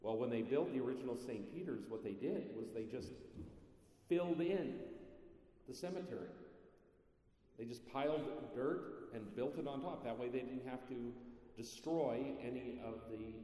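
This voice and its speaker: A priest giving a sermon in a teaching tone with a dry humor. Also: male voice, medium pitch, moderate pace, dark tone. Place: church. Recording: echoey church with long reverb.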